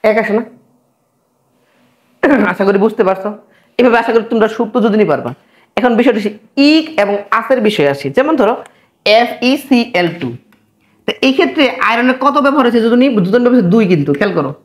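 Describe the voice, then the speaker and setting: A man gives a chemistry lesson at a coaching center. He speaks in a steady, patient classroom manner, stretching out important terms and repeating them. He asks rhetorical check questions again and again to keep students with him. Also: very high voice, quick pace, pauses often. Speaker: chemistry tutor. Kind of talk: classroom lecture.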